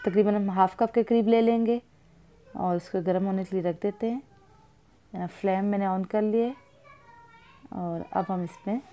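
A woman's voice: medium pitch, dark tone, smooth. A young woman with a Pakistani Urdu accent narrating a recipe for her cooking vlog in a chatty way, speaking to viewers as friends.

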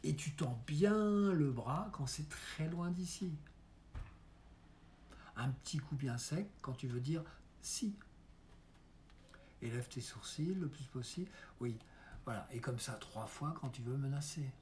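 A man reading as an aging mime coaching his son, slow and mellow. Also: mid-range voice, expressive, slight background noise, close to an everyday voice. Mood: coaxing mentor. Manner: earnest, coaxing, drops to soft hushed asides. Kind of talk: dramatic monologue reading.

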